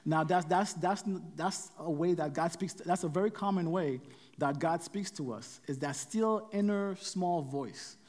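Man preaching in an easygoing, halting way. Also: fairly high pitch, a little mellow, long reverb tail. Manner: conversational, repeats phrases, frequent fillers. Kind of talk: sermon.

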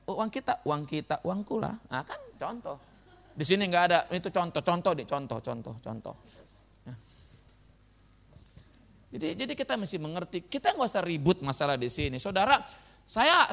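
A man preaching a sermon as pastor, lively and joking with his congregation in a church. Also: high-pitched.

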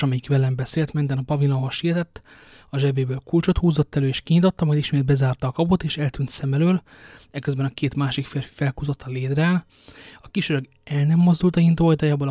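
A man's voice: on the high side, a little mellow, no echo, studio quality, lightly acted. A man reading the part of a kindly old witness who recounts a kidnapping and reassures a young man. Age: older.

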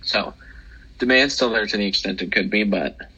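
A young man with a husky voice co-hosting a podcast in casual chat. He speaks a little low, with a bright, forceful edge. He is blunt and dismissive and often wanders into stories. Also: brisk, highs cut off. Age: young adult. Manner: blunt, dismissive, storytelling asides. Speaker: podcast co-host.

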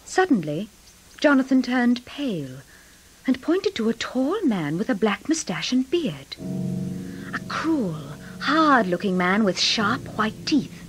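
A woman's voice: on the high side, very animated, takes it slowly, soft background music, rough recording. An actress playing a devoted, anxious young wife, narrating her diary tenderly in a radio drama.

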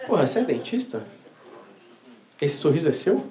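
A man's voice: on the high side, sing-song, normal speed, darkish tone. A man hosting a live comedy game, teasing audience members with banter. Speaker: comedy show host. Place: comedy club stage. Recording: echoey club with audience. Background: audience laughter.

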